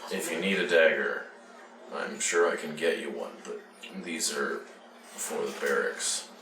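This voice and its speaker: A man's voice: a bass voice, measured pace, pitched below the performer's own voice, exaggerated voice. A man voicing a stern male barracks keeper who speaks firmly and wearily. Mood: stern, weary. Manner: firm, weary, talks down to a small character. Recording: roomy, distant mic, loud noise.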